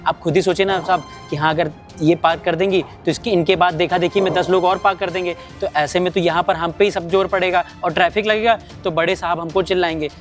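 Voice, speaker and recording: A man plays a humble, poorly paid security guard in a low-budget short film. He pleads fast in a high voice, always explaining himself. Faint music plays underneath. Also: fairly even intonation, natural voice. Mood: pleading. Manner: pleading, complaining, submissive. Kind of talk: amateur short-film acting.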